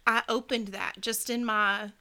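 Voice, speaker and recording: A woman co-hosting a casual group talk, chatty and quick to laugh. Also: on the high side, level tone, sharp tone, slight background noise.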